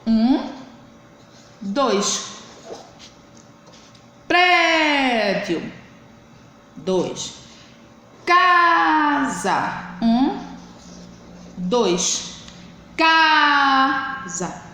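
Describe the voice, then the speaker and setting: Slow, patient teacher in an echoey room. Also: female voice, on the high side. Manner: slow, drawn-out syllable counting. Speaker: primary school teacher. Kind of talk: recorded remote lesson for children. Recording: echoey room with faint hiss.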